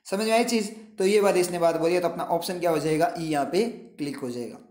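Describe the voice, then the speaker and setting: A man with a high voice leads an English exam lesson in Hindi mixed with English. He works through each option step by step and keeps asking his students rhetorical questions. The sound has the hollow echo of a bare room. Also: fast, darkish tone. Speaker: English teacher.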